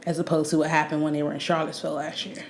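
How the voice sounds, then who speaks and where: A woman's voice: deep voice, level tone, racing, a little hiss or hum. Chatty young woman, echoey room. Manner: laughing, chatty. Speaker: podcast co-host. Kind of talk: casual chat.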